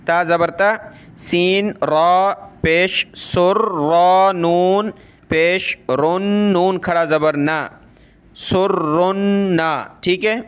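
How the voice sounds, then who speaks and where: High, smooth-voiced man teaching Quran recitation. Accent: Pakistani Urdu. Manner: slow drawn-out melodic recitation, then brisk spoken explanation. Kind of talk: tajweed lesson, slow chanted recitation alternating with quick explanation.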